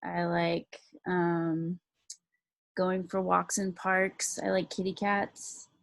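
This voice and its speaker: A woman's voice: on the low side, little pitch movement, takes it slowly, creaky, no room sound. A woman in her thirties, an artist, introducing herself shyly with lots of hesitation. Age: 30s. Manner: shy, hesitant, many fillers. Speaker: interviewee, artist.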